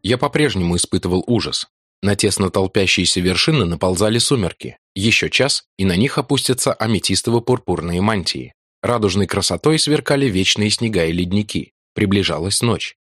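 Low-voiced male audiobook narrator. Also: slightly rough, dry recording, studio quality. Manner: measured, even storytelling. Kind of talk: scripted narration.

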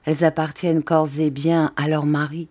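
A woman's voice: sits low, little pitch movement, moderate pace, a little mellow. A woman reading the part of a tormented, devout young countess in an audiobook, pleading and questioning. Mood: anguished.

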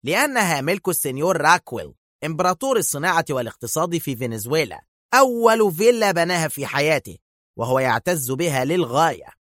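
A man's voice: on the high side, animated, quick pace, fairly bright tone, no echo, studio quality, voice pushed up. A man voicing a nervous, agitated male police chief.

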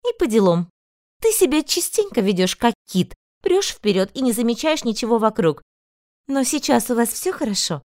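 A woman voicing a grumpy, sly aristocratic mother who talks high, shrill and sharp-tongued. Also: sing-song, normal speed, dry recording, studio quality. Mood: sly warm.

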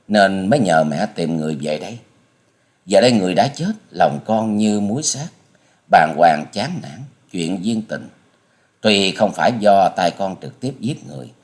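A man voicing a young female martial artist, tearful and shrill as she cries out in grief and anger. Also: a little mellow, lightly acted.

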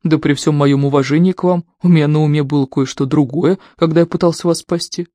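A loyal, sardonic servant who teases his master with dry mockery, voiced by an audiobook reader. The tone is mellow and dark. The sound is close and dry. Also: medium pitch, fairly even intonation, fast, dry recording, close to an everyday voice. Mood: mocking. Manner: dry mocking banter. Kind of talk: audiobook character voice.

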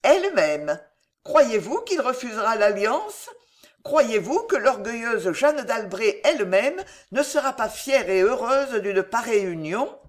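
A cold, calculating queen mother voiced by a woman reader who persuades in measured, deliberate phrases. Her pitch rises and falls in a lively way. Read as an audiobook character. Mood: triumphant. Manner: measured, persuasive, coolly triumphant.

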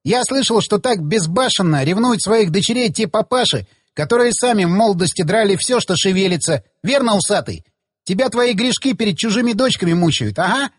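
A man's voice: sits high, sing-song, moderate pace, slightly rough, dry recording, clean studio sound, in a large hall, voice pushed up, heavily acted. A man voicing a cheeky young man who teases and mocks the others slyly. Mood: teasing. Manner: mocking, sly.

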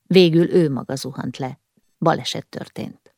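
A grim young man speaking in short, flat sentences, as a woman reads him in an audiobook. The voice sits low and dry, close to the mic. The reading stays near the narrator's own voice. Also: gravelly, dry recording. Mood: grave.

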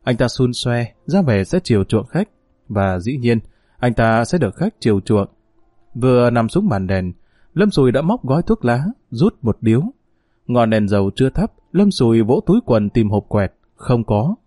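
A man narrating a novel as an audiobook in an expressive, dramatic storytelling manner. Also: medium pitch, moderate pace, no echo, studio quality, faint music behind.

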